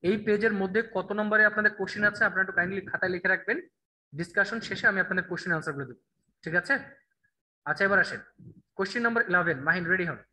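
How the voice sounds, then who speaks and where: A man teaching an online English grammar class, quizzing a student and reading answer options slowly. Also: high voice, sharp tone, low-quality recording. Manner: drills answers with rhetorical questions, reads options slowly.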